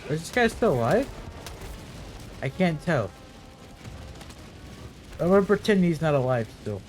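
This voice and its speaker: A man's voice: on the high side, sing-song, unhurried, darkish tone, soft background music. A young man in his twenties with hiccups, giving rambling, profane, casual commentary over his gameplay, full of fillers. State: has hiccups. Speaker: gaming video creator.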